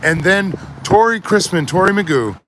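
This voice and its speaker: Man, casual street chat, rambling, animated, restarts, faint traffic behind, phone recording. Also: high voice, normal speed. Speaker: livestreamer. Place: outdoors on a city street at dusk. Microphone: phone camera.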